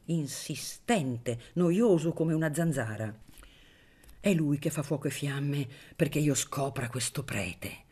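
A woman's voice: extremely low pitch, mellow, slightly rough, heavily acted. A woman voicing an affable, plump middle-aged male judge who chats in a bantering, confiding way, in a radio reading of a novel.

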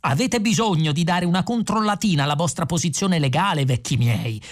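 Imagine an irritable older philosopher put on by a reader, bossy and threatening, his voice lifted above the reader's usual pitch. He blusters, a figure in an audiobook. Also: animated, fairly quick, close to an everyday voice. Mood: threatening blustering.

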